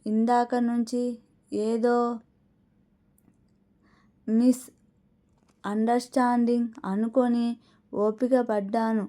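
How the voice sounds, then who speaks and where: An angry young woman, as a woman narrator puts her on snaps out a stern warning in a slow, measured way. The voice sits somewhat high yet stays mellow rather than bright. She scolds sharply, like a storybook heroine who has lost her patience. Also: little pitch movement.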